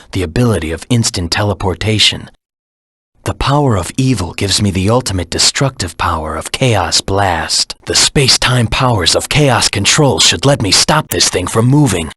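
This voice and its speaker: A brooding, proud hedgehog antihero from a video game. The voice is low and heavily rasped, recorded very dry and close. He speaks in a grim, terse, self-serious way. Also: a bit bright, no room sound. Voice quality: low, husky rasp. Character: brooding, proud anthropomorphic hedgehog antihero, the ultimate life form. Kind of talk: video game character voice lines.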